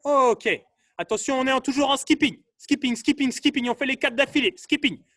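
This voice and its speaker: A man coaching a live online fitness class, calling out drills and colors in short bursts and urging everyone to go faster. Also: extremely high pitch, steady tone, a bit bright, dry recording, studio quality.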